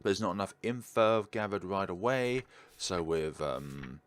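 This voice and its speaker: Reading a visual novel aloud for his let's play, a man speaks in a low, unhurried voice on a dry recording. He drops chatty asides in between the narration he reads out.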